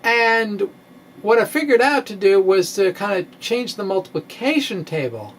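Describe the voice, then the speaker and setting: A middle-aged physics video blogger dramatically reads his science blog in a high voice, quirky and halting with drawn-out pauses. He sits in a small room with bookshelves, speaking into a stand-mounted microphone in front of him, with steady, clear background noise.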